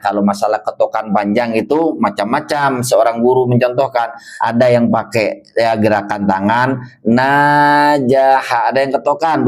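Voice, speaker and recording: A man teaching a beginner Quran reading lesson, asking questions and answering them himself, and drawing words out slowly when he models the recitation. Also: mid-range voice, a little mellow.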